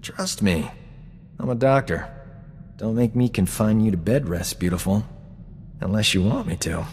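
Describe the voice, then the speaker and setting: This video game voice acting features a flirtatious male space doctor and companion, a smooth-talking adventurer with a low, somewhat mellow voice. He speaks at normal speed with lively intonation, trading suave, smug, self-assured banter over game music, with long hall reverb and slight hiss.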